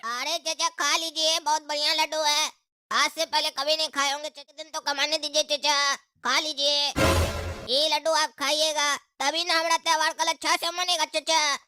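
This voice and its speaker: A woman's voice: high-pitched, flat delivery, normal speed, bright, forceful tone, no room sound, soft background music. A woman voicing a poor young sweets hawker who coaxes and pleads with a passenger in a cartoon comedy. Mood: coaxing. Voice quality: pushy, pleading.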